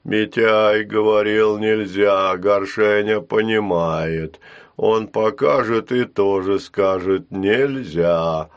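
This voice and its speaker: Clay giant voiced by a man, huge, dim, slow and halting, low pitch, audiobook tale. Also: steady tone, smooth. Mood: dull, plodding. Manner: slow, halting, speaks of himself by name.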